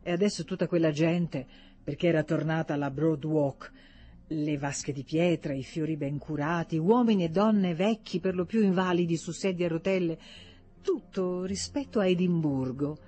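Expressive woman reading a literary novel. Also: moderate pace, husky. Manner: expressive reading, lifts pitch sharply for quoted characters. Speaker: audiobook narrator. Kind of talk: literary audiobook narration.

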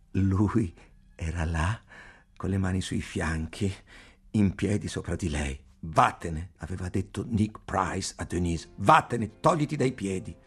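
A man narrating an audiobook in a measured, deliberate way. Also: medium pitch, a little mellow, husky.

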